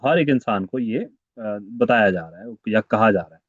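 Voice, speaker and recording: A man's voice: fairly low pitch, animated, moderate pace, no room sound, lo-fi sound. A man teaching French in an online class, patiently going over each word again and again. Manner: patient, repeats words many times.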